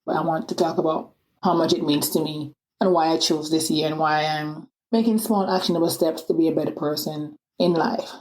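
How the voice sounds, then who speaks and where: A young woman with an Antiguan island accent talks alone into the mic on her own podcast, upbeat and chatty with many "you know" asides to listeners. Her low, slightly mellow voice moves briskly with fairly even intonation, and the recording is rough.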